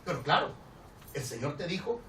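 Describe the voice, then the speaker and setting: Man, Mexican accent, pastor, animated storytelling sermon, lively swinging pitch, distant mic, echoey church hall. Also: normal speed. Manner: animated, laughing, acts out the people in his story. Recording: roomy, distant church recording with background noise.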